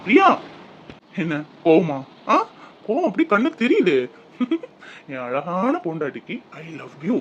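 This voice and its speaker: A man's voice: high voice, huge pitch swings, takes it slowly, pauses often, highs cut off, a little hiss or hum, heavily acted. A man voicing a young husband who pleads and sweet-talks his upset wife. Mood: coaxing. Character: coaxing young husband Vikram, wheedling. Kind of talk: Tamil audio drama.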